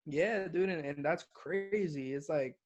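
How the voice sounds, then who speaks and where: A man's voice: fairly high pitch, unhurried. A young man from Guatemala, a hip-hop artist, talking casually as a podcast guest, swearing freely and calling the host bro. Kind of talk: casual interview chat.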